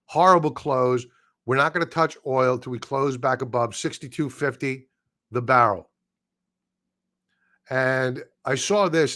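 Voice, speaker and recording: Talking through charts on a live market stream, a man speaks bluntly and opinionatedly with casual slang in a mid-range, slightly bright voice. He is losing his voice, and it turns hoarse, interrupted by throat-clearing.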